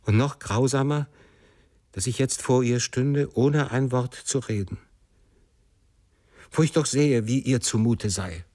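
A man narrating a classic novel in the first person, with measured, emotive storytelling. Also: mid-range voice, darkish tone, no echo, studio quality. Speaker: audiobook narrator.

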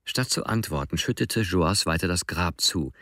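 Deep-voiced male audiobook narrator. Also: animated, moderate pace, a bit bright, no echo, studio quality. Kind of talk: scripted first-person narration.

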